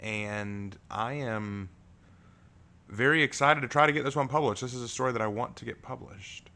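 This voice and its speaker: A deep-voiced author chats with his stream audience at a moderate pace before reading the prologue of his own fantasy book aloud. He's relaxed, using fillers and restarting sentences now and then.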